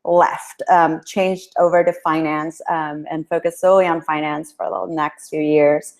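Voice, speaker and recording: A woman's voice: deep voice, flat delivery, a little slow, darkish tone. A woman from El Salvador, a guest in an interview, answering in a friendly, chatty way. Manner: friendly, chatty, with small laughs.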